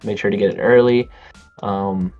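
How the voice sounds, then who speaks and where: A man co-hosting a casual podcast, talking in a relaxed way with many ums and easy laughs. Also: lowish voice, normal speed, phone-quality sound, soft background music. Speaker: podcast co-host. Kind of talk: casual chat.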